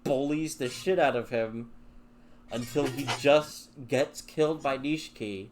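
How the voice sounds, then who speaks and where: A man's voice: medium pitch, a little slow. Rambling young man, casual chat. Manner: rambling, laughing, casual swearing. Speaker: host.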